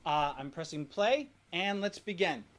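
A middle-aged man talks a little slowly in a slightly high, somewhat bright and expressive voice. As the father in a casual instructional family vlog at home, he directs his family through an activity and app demonstration, explaining as he goes.

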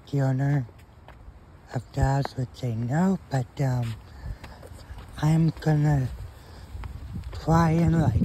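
Slow halting young-sounding vlogger man. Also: medium pitch, noisy background. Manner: halting, many fillers and restarts. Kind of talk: casual vlog talk. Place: outdoors on a suburban sidewalk, then in a car. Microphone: phone held in hand.

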